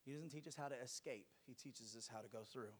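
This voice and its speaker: A man's voice: medium pitch, fast talker. A man preaching a sermon to a congregation, exhorting them emphatically with rhetorical questions and repeated phrases.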